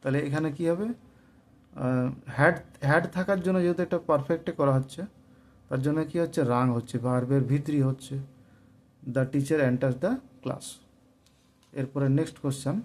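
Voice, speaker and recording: A man with a Bengali accent teaching English grammar, asking and answering his own questions and slowly dictating example sentences. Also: on the high side. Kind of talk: grammar lesson explaining answers.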